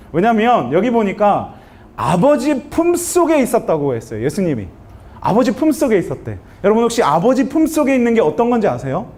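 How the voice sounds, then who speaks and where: Brief: male pastor, high voice, big swings in pitch, animated storytelling sermon. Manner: animated storytelling, asks the audience questions. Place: university chapel.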